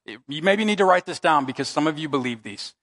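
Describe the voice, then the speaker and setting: A man's voice: a little high, expressive, fast, fairly bright tone. A middle-aged man preaching a sermon as pastor, in an emphatic, conversational way, in a church. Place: church sanctuary.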